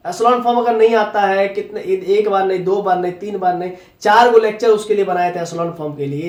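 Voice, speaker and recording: A man's voice: high-pitched, darkish tone, echoey room, far from the mic. A man with a Jharkhand accent teaching a maths lecture in a blunt, scolding way, with "right?" after nearly every step. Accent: Hindi from Jharkhand. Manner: blunt, scolding, repeats "है ना?" and "ठीक है?".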